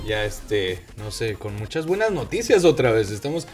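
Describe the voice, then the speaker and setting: A deep-voiced man with a Mexican accent co-hosting a casual podcast chat, joking and mixing English words into his Spanish. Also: big pitch swings, moderate pace, a little mellow, soft background music. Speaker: podcast co-host.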